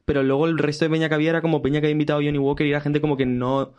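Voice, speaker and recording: A man's voice: a little high, flat delivery, rapid-fire, darkish tone, clean tone, lo-fi sound. A man, a musician telling stories in a casual, rambling way. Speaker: musician guest. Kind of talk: casual chat.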